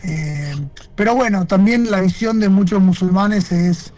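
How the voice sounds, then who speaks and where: A man's voice: high-pitched, unhurried, a little mellow. A man giving interview answers over a video call, speaking thoughtfully with frequent fillers and restarts. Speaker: guest photojournalist.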